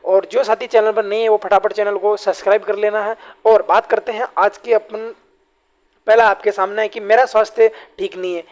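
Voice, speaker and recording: Man, grammar teacher, online exam-prep lesson, repeats phrases, slow deliberate example readings. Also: high-pitched, a little mellow. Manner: addresses viewers as companions, repeats key phrases; reads example sentences slowly and deliberately.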